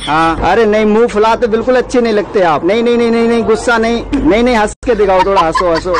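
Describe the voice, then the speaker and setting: A man's voice: high voice, fast talker, noisy background. A man in a comedy sketch, talking on the phone and coaxing someone out of a sulk with repeated words. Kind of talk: comic sketch, fake phone call.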